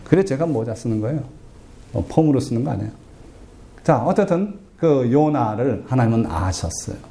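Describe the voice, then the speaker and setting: A man's voice: mid-range voice, big pitch swings, normal speed, warm tone. A man pastor preaching a sermon, telling a scripture story in a chatty, humorous way and asking the congregation questions. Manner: conversational storytelling with self-deprecating humor.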